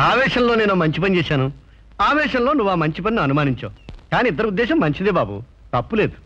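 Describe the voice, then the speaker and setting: A man's voice: high-pitched, big pitch swings, heavily acted. A pompous, fawning con man. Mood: melodramatic. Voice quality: grandly theatrical, drawn-out pleading speech. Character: pompous sweet-talking male con man, middle-aged. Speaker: smooth-talking swindler who hands out bad checks. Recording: muffled film soundtrack with loud music.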